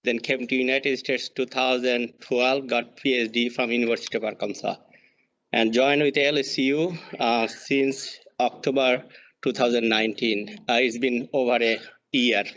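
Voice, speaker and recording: A man's voice: mid-range voice, fairly even intonation, normal speed, a bit bright, muffled recording. A man in his thirties from Bangladesh with a Bangladeshi accent, giving an extension talk on crop management over slides, with frequent fillers and restarts. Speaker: extension soil fertility specialist.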